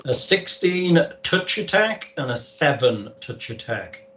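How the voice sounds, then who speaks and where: A man's voice: medium pitch, big pitch swings, slow pace, a bit bright. Man running a tabletop game. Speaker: game master. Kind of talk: casual tabletop game narration and rulings.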